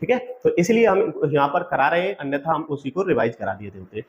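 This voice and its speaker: A man's voice: fairly high pitch, very animated, a little fast, highs cut off. A male exam-prep teacher giving a quiz-style lecture. He asks each question, gives the answer, then asks again so the students repeat it, and keeps calling the audience friends.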